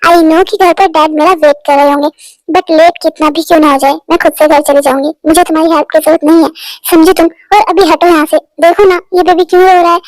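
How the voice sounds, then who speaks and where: Woman doing a prickly young woman who gripes and sulks; very high, quick voice, dry sound. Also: steady tone, no echo, rough recording. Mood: coaxing. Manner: sulky, complaining. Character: stubborn, irritable young woman coworker. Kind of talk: amateur fan dub.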